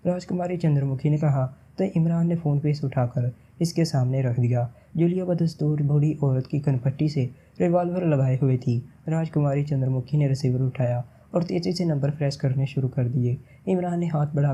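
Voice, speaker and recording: A man narrating a novel in a steady, measured audiobook reading. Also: fairly high pitch, dull audio.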